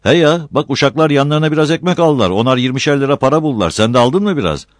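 Brash older village landlord, voiced by a male narrator, loud and coaxing, in a dry close recording. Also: medium pitch, lively intonation, very fast, no room sound, voice pushed up, natural voice. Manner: loud, coaxing, calls people "ula".

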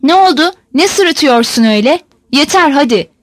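Woman doing gruff old fisherman dad, bossy and impatient, lively high read. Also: normal speed, no echo, studio quality. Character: gruff old fisherman father giving orders.

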